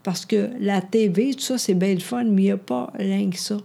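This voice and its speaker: A woman's voice: mid-range voice, moderate pace, vocal fry, dark tone. A woman in casual chat, hesitant and searching for her words.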